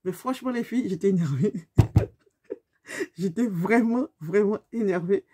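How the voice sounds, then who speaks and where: A woman, telling a story to her viewers in a lively, emphatic way. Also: mid-range voice, a little fast, husky. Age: 50s. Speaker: beauty vlogger. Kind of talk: storytime vlog.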